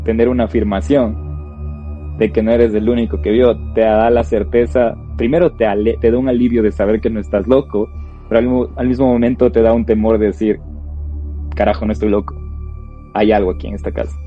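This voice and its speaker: A man tells a personal ghost story to podcast listeners, slowly and with suspense. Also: medium pitch, flat delivery. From Ecuador. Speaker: podcast co-host. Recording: dull lo-fi sound with faint music.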